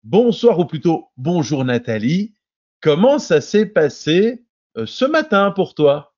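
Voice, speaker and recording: A man's voice: a little high, sing-song, slow, darkish tone. A man hosting a video-call webinar, thanking the speaker and reading out audience comments. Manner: reads audience thanks aloud. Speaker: webinar host. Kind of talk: webinar moderation. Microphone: video call mic. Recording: dull lo-fi call audio.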